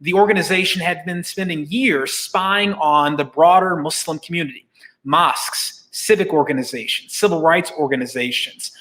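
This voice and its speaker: A man hosts and moderates a virtual press conference, delivering a prepared public statement emphatically and leaning on rhetorical questions. His voice is fairly high and a bit bright, at a moderate pace.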